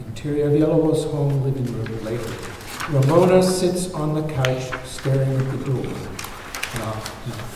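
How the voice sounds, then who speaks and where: A man with a medium-pitched voice reads scene descriptions and stage directions at normal speed, serving as narrator for a screenplay table read. The hall is very echoey, the mic distant, and there's faint noise.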